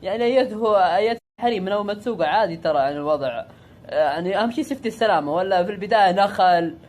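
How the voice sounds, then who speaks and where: A man's voice: high-pitched, animated, racing. A Saudi man vlogging casually, chatty and joking with his viewers as he talks from a car by the coast. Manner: chatty, jokey, calls viewers "guys". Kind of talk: casual vlog chat to viewers. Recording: vehicle noise behind.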